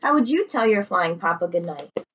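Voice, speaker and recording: A young woman with a lowish, husky, somewhat bright voice reads a children's book aloud, her pitch swinging widely at a fairly quick pace. She asks her young audience questions as she goes, from her living room, captured by slightly dull webcam sound.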